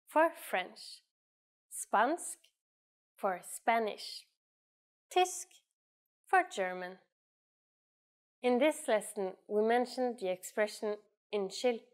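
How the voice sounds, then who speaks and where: A woman with a fairly high voice and a Norwegian accent presents a scripted language lesson. She teaches in an instructional manner, enunciating each phrase carefully for learners. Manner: clear, instructional enunciation with slowly repeated phrases.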